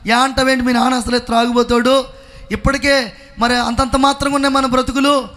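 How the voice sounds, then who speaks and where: A man's voice: extremely high pitch, flat delivery, a little fast, pushed and bright. A man with a Telugu accent giving a fervent testimony sermon, calling out praise and acting out the dialogue himself. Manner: fervent, calls out hallelujah and praise, acts out dialogue.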